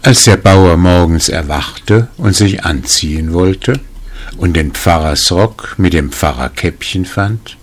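A man reading a folk tale aloud in a calm, measured storytelling manner. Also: deep voice.

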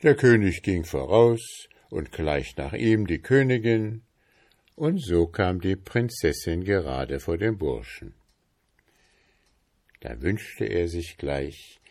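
Slow, low-voiced male storyteller. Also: darkish tone. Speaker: narrator. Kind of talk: fairy tale reading.

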